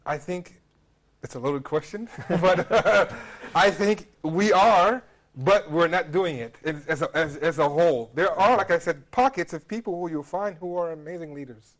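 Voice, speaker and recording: A man's voice: fairly high pitch, moderate pace, a bit bright. Hesitant American man talking on a panel. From United States. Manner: hesitant, many fillers and repeated words. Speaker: studio guest. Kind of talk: casual panel discussion. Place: television studio.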